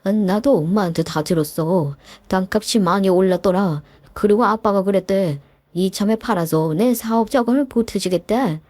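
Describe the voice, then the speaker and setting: A woman's voice: mid-range voice, moderate pace, dark tone, no room sound, close to an everyday voice. A woman voicing a defensive husband in a narrated story, complaining to his wife. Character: defensive self-pitying husband.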